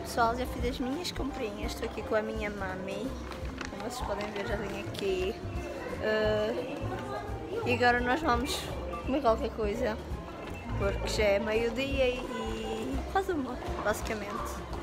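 Young woman, hoarse sick voice, casual vlog chat w/ bits of english, music behind. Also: on the high side, measured pace, over a noisy crowd. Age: 20s. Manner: informal, drops in English words. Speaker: vlogger. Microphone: phone or camera at arm's length.

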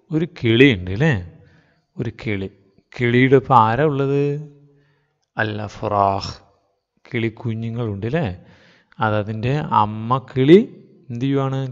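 A man with a Kerala Malayalam accent, teaching an online class to young children and coaxing them with questions. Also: mid-range voice. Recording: dull lo-fi audio with long reverb.

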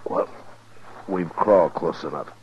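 An American actor playing a steady, determined frontier marshal in a 1950s radio western. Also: male voice, low-pitched, a little slow. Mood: low, resolute. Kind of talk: 1950s radio drama acting. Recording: muffled, noisy 1950s radio recording.

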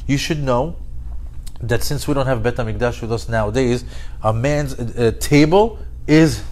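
In a slightly mellow, mid-range voice at normal speed, a man teaches an animated Torah lesson, narrating it as a story with acted-out dialogue. As a religious teacher, he leans on rhetorical questions and repetition to stress his points.

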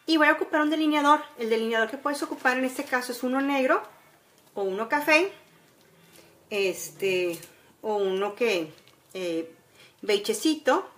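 Faint background noise accompanies a fairly high, slightly bright female voice. A woman in her forties with a Mexican accent is giving a casual makeup tutorial from a room at home by a window, instructing chattily and frequently checking in with tags.

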